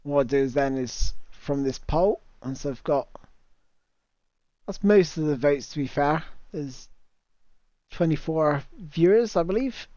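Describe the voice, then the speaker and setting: A livestream host chats his way through a casual game stream, reading out viewer comments and laughing easily while trying a new cheap microphone. His voice is a little high, expressive and unhurried, with a dark tone. The recording is dull, dry and lo-fi, with no room sound.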